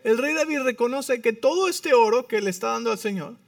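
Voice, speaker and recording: High-voiced pastor preaching with energy. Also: male voice, fairly quick, gravelly, no room sound, clean studio sound, recorded from a distance. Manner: animated preaching, frequent "¿sí?" check-ins. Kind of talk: sermon.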